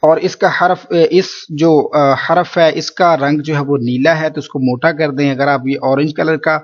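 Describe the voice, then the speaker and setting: A man's voice: on the high side, steady tone, muffled recording. A man teaching Quran recitation rules in a patient, explanatory lesson, often repeating points to check understanding.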